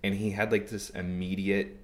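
A man talking in a relaxed, rambling way, with lots of filler words. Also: low voice, moderate pace. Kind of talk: casual conversation.

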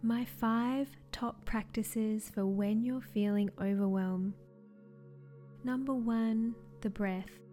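A woman wellness coach reading scripted guidance in a soft, soothing, measured way. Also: on the high side. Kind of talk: scripted wellness narration, guided relaxation. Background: music.

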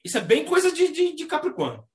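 A man with a Brazilian Portuguese accent hosting a casual astrology chat, talking in a slangy, animated way and mimicking the people he describes. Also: extremely high pitch, quick pace. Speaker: astrology talk host. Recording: echoey room.

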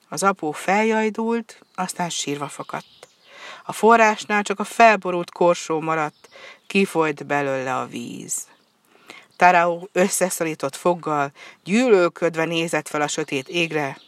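A woman reading a storybook tale aloud in an expressive way that swells with the action. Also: lowish voice, no echo. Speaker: narrator.

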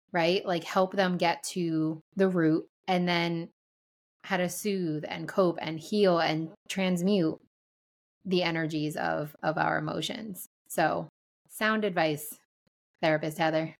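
A woman's voice: on the low side, vocal fry. A woman co-hosting a podcast as an energy healer, chatting casually, laughing often and using spiritual wording.

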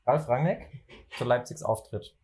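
A young man from Germany hosting a casual football chat, opinionated and animated when he makes a point. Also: medium pitch, a little slow, husky. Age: young adult. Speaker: podcast host.

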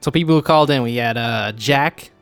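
A man's voice: mid-range voice, a little fast, fairly bright tone, clean tone, faint music behind. A man co-hosting a comedy podcast, dry and teasing in casual chat. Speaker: podcast co-host.

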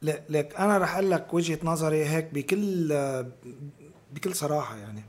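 A Lebanese man with a high-pitched voice in an informal political discussion. He talks quickly and emphatically, repeating phrases and throwing out rhetorical questions in blunt, coarse language.

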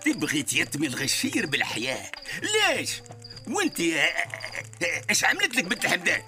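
A man's voice: on the high side, huge pitch swings, a little fast, music in the background. An actor with a southern Tunisian accent playing a husband who scolds his meddling wife in exasperation. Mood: scolding. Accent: southern Tunisian Arabic. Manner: scolding, exasperated, shouting at times. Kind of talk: radio drama acting.

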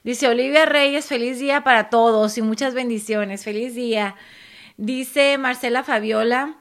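A woman's voice: fairly high pitch, fairly even intonation. A woman, co-hosting a casual live stream and reading viewer comments aloud in a chatty way. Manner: reads comments aloud warmly, quick and chatty.

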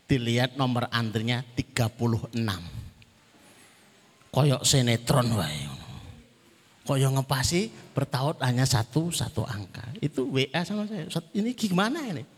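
Lively preacher in a reverberant hall. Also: male voice, medium pitch, normal speed. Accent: Javanese. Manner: lively storytelling with acted quotes, mixing in Javanese. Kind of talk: humorous sermon.

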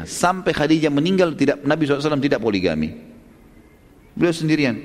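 A male preacher telling a story in a sermon, lively, with frequent tag questions. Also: mid-range voice, in a large hall.

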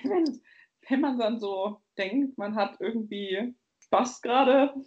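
Her fairly high, darkish voice moves slowly as she chats casually as a podcast co-host from Bavaria, Germany, rambling and often laughing. The recording lacks its high end.

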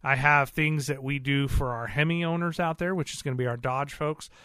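A man's voice: on the high side, steady tone, fairly quick, pushed and bright, clear, resonant tone, no room sound. A man who owns an auto repair shop, talking in an earnest, plain-spoken and rambling way, with many fillers. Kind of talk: casual interview talk.

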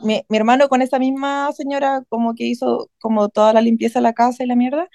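A woman's voice: on the high side, fairly even intonation, quick pace, creaky, dark tone, dry recording, studio quality. A young woman with a Chilean accent, telling a story in casual chat with slang and restarts.

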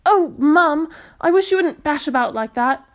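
A woman reading aloud, voicing a quiet, startled young schoolboy in a children's storybook, close to her own reading voice. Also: sits high, fairly quick.

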